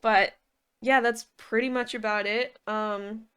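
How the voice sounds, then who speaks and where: A woman's voice: fairly high pitch, fairly even intonation, takes it slowly, fairly bright tone, clean tone. A woman giving casual, rambling video commentary, thinking aloud in an informal, hedging way. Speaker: video reviewer.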